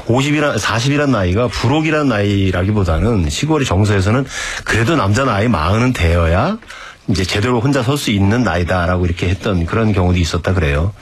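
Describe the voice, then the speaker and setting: Low voiced guy on a talk panel telling stories, talks fast. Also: expressive, husky. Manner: storytelling, measured explanations. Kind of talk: casual talk show chat.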